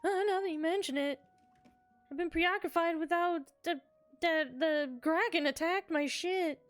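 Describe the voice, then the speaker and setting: A woman performs a nervous young female scientist from a video game. Her voice sits high, and she stammers hesitantly, flustered as she gets each phrase out. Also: unhurried, no room sound.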